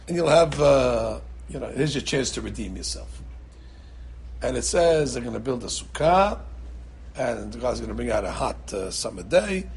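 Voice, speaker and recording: A middle-aged man teaching a Talmud class in an animated way, repeating words and acting out the people he quotes. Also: mid-range voice, slight background noise. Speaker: Torah teacher.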